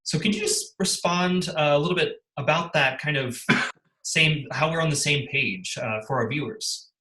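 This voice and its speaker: A man hosting an interview for a theater, asking halting questions full of fillers. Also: fairly high pitch, sharp tone, reverberant, low-quality recording. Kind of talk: casual interview.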